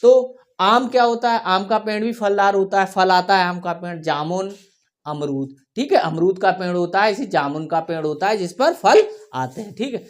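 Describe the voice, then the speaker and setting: A woman teaching a children's workbook lesson, reading words slowly and repeating them for the class to follow, often checking in as she goes. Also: mid-range voice. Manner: slow, repeats words for children to read along; checks in often with "theek hai". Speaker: primary school teacher.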